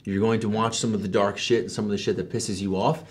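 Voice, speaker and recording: A man's voice: on the low side, quick pace. A man in a casual conversation, talking bluntly and swearing freely about making military comedy. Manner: blunt, profane, relaxed. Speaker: show co-creator discussing military comedy.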